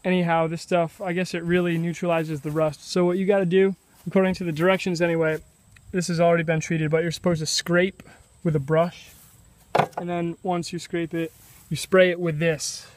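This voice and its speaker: A young man filming a casual video diary outdoors at a rural building site, talking in a relaxed, chatty way with halting restarts. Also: a little high. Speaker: DIY vlogger.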